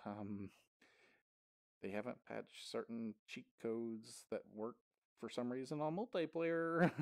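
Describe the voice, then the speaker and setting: A man's voice: medium pitch, no room sound, studio quality. A man casually rambling through gaming stories, often laughing mid-sentence. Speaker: gaming vlogger.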